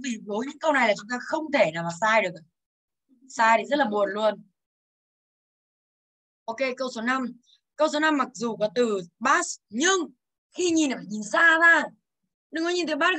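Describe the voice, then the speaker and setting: Young woman English teacher, slightly high voice, lively and teasing, walking the class through exam answers. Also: poor audio. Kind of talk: exam answer walkthrough lesson.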